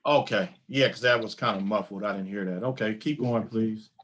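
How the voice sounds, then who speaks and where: A middle-aged man hosting a community podcast interview, speaking in a measured, formal way. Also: fairly low pitch, a bit bright. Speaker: podcast host.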